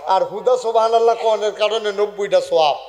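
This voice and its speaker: A man gives a humorous sermon, quizzing and teasing the crowd in call-and-response, shouting some words and singing others. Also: sits high, a little fast, big-room sound. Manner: shouts key words, sings some phrases. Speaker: Islamic preacher. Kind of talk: humorous sermon at a religious gathering. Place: large religious gathering over loudspeakers.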